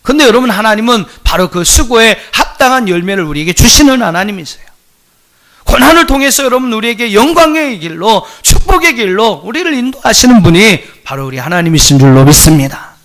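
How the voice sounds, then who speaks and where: A man's voice: high voice, a bit bright. A male pastor preaching a sermon, addressing the congregation directly with emphatic rhetorical questions and light jokes. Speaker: senior pastor.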